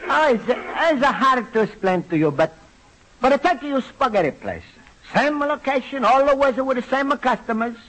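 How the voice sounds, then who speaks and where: A man's voice: very high voice, sing-song, normal speed, a bit bright, exaggerated voice, rough recording. An actor playing a naive, self-important Italian immigrant would-be businessman, earnest and boastful with an Italian accent, in an old radio sitcom. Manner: earnest, boastful, mangles American slang. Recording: old radio recording with faint noise.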